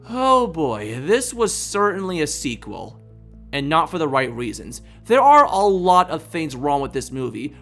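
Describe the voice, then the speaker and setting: A man's voice: a little high, a bit bright. A man hosting a video, delivering scripted review commentary.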